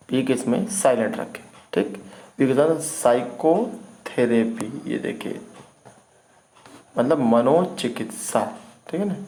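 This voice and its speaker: A man's voice: medium pitch, a little mellow, poor audio. A man teaching English vocabulary in an informal video lesson. He spells words out letter by letter and keeps checking in with his students.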